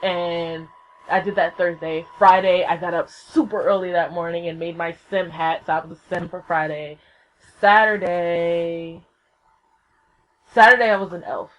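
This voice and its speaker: Young woman host, solo podcast, gushy storyteller who swears a lot, slightly dull lo-fi laptop sound. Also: normal speed. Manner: excitable, swears freely, acts out quotes with big pitch jumps.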